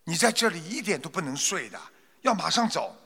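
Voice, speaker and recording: Man doing a calm, kindly herb doctor. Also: on the high side, a little fast, gravelly, slightly rough, big-room sound, heavily acted. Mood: coaxing. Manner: patient, gentle, persuasive.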